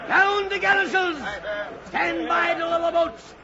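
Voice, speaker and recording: An actor playing a weary, obsessed old whaling captain in a theatrical, halting old time radio drama style. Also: male voice, very high-pitched, fairly even intonation, raised voice, music in the background, crowd noise. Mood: commanding, frenzied. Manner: theatrical, halting, repeating phrases. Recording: muffled, noisy old radio drama recording.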